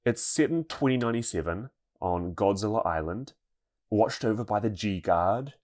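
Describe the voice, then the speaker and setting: A man with a somewhat low voice, co-hosting a podcast in easy, casual chat. He reads through the news in a chatty way and breaks into laughter now and then. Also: animated, moderate pace, a little mellow. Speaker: podcast co-host.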